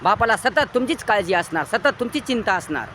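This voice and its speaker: A man with a Marathi accent giving an impassioned moral lecture, preachy and repetitive, swinging between loud emphatic bursts and quiet low lines. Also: sing-song, a little fast, a little hiss or hum. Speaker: motivational speaker.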